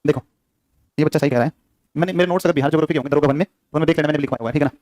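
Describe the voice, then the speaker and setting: Rapid-fire male teacher drilling students. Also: a little high, a little mellow, dry recording, studio quality. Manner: rapid, repetitive drilling with quiz questions to students. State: sore throat. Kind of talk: exam-prep classroom lecture.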